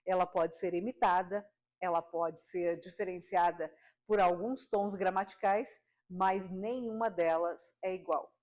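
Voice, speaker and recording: A woman, a radio broadcaster, giving an expressive speaking lesson to the viewer with many rhetorical questions. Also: mid-range voice. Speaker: radio broadcaster and communication teacher. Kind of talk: direct-to-camera speaking lesson.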